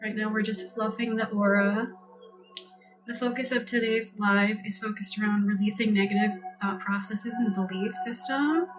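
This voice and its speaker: A woman hosting a live reiki healing stream, chatting casually and gently with viewers and thanking them by name. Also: medium pitch, fairly even intonation, normal speed, distant mic. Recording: music playing behind, voice a bit off-mic.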